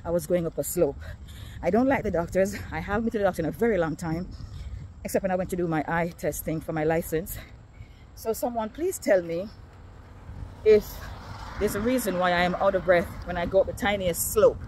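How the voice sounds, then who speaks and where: A woman's voice: fairly low pitch, brisk, darkish tone. Woman, casual walking vlog, slightly breathless, phone mic outside, faint background noise. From Jamaica. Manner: chatty, talking to viewers while walking. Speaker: vlogger. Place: outdoors on a neighborhood street.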